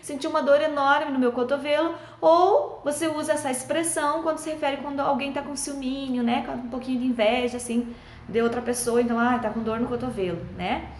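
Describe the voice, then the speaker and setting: High-voiced woman teacher, echoey room. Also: fairly even intonation, brisk. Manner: patient, friendly, checks in often with tag questions. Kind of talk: explaining schoolbook exercises to children.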